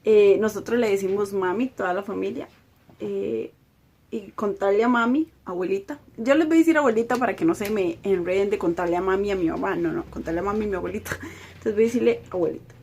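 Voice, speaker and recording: A woman's voice: mid-range voice, fast talker, darkish tone, breathy edge. A young woman, telling a personal storytime with emotion, often repeating herself. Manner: emotional, repetitive retelling. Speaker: vlogger.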